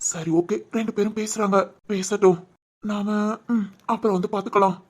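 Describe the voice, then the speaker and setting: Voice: medium pitch, fairly even intonation, moderate pace, dull audio, very noisy, natural voice. A voice actor playing a young man in a cartoon who is exasperated, teasing and talks to himself. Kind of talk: Tamil cartoon voice acting.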